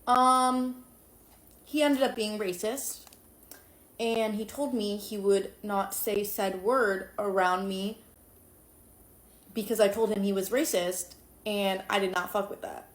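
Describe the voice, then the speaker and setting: A woman's voice: medium pitch, fairly even intonation, slow pace, roomy sound. A woman in her twenties casually telling a list of bad dating stories. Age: 20s. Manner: candid list-style storytelling. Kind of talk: casual vlog storytelling.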